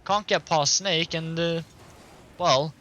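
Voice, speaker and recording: A man doing fast, excited play-by-play commentary as an esports caster. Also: fairly high pitch, faint music behind. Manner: quick, excited play-by-play, laughs easily.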